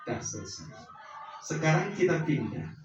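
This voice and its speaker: A man teaching pilgrims at a farewell gathering, talking to his listeners directly and dropping into a hushed voice when he shows how to pray. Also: on the high side, sing-song, measured pace, background noise. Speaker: religious teacher guiding pilgrims. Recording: very echoey, from far off, faint ambience.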